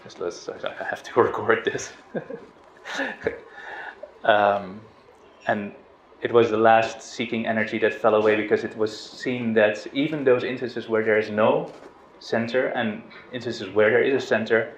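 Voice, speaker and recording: A spiritual teacher with a low voice gives an informal satsang talk outdoors on a river boat, speaking at a measured pace. He sounds relaxed yet hesitant, restarting phrases and laughing softly. The roomy, dull lo-fi recording carries faint noise.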